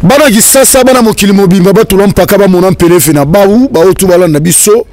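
A man in his thirties hosting a street interview outdoors with a handheld mic, presenting in a lively, announcer-like way. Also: high-pitched, fast talker, a little hiss or hum. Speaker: interview host. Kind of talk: energetic show presenting in French and Lingala. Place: outdoors by a river in a park. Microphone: handheld microphone.

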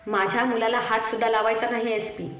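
A woman's voice: fairly high pitch, flat delivery, fast talker, fairly bright tone, distant mic, close to an everyday voice. A woman reading as a desperate cornered man. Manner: pleading, urgent. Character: cornered male doctor, desperate father. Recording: echoey room, faint noise.

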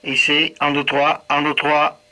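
A man's voice: on the high side, monotone, a little slow, bright, forceful tone. A man speaking over a walkie-talkie radio, counting repetitively in a test transmission. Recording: dull, narrow walkie-talkie speaker sound.

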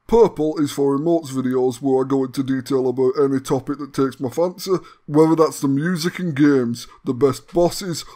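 A man's voice: on the high side, mellow. A man hosting a gaming channel, delivering a comedic announcement with sardonic, mock-grandiose banter.

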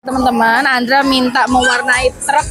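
A woman with an East Javanese Indonesian accent chatting casually for a vlog, excitable and exclaiming, often repeating her words. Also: high-pitched, normal speed. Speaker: family vlogger. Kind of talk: casual vlog chat with excited calls to companions. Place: outdoor night fairground. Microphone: handheld phone camera. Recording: loud fairground music and crowd noise behind. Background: loud music, crowd.

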